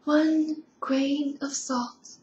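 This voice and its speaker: A woman voicing a breathy, ethereal child empress in a sobbing, overwrought way. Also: high-pitched, fairly even intonation, extremely slow, darkish tone, echoey room, highs cut off, a little hiss or hum. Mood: hushed.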